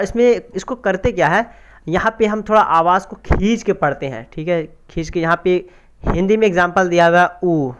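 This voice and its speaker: A man's voice: high voice, clear, resonant tone. A man teaching an exam preparation grammar lesson, explaining step by step and asking and answering his own questions. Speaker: Urdu language teacher.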